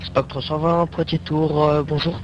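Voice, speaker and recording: A man's voice: on the high side, level tone, unhurried. Hesitant male pilot on a dull radio. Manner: hesitant, apologetic. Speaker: pilot calling the tower. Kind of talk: radio call. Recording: dull radio link with faint hum.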